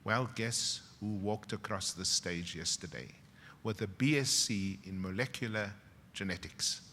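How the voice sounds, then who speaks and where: Delivered through a ceremony PA that leaves long reverb across a big graduation hall, this ceremonial speech comes from a middle-aged South African professor. He speaks a little slowly in a fairly low voice, telling personal stories that shift between loud, dry jokes and quiet, moving passages. There's slight background noise.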